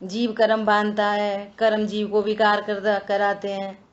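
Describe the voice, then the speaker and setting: A woman leading a religious scripture study in a lively conversational way, asking rhetorical questions and teasing her listeners. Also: mid-range voice, measured pace. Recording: dull lo-fi recording.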